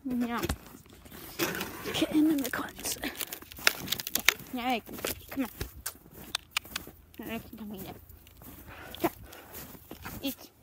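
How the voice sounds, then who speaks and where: A young woman with a high voice talks slowly and haltingly as she feeds animals at a barn after dark, now and then calling to them. She holds the recording device at arm's length outdoors. Loud background noise and animal sounds run under her voice. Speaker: vlogger. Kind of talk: casual chores vlog. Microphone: handheld device at arm's length.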